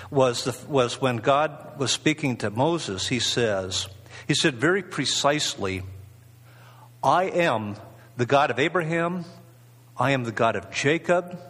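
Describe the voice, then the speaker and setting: Husky man preaching, rambling and conversational. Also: mid-range voice, fairly bright tone, in a large hall. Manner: rambling, conversational, many fillers and restarts. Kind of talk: informal sermon.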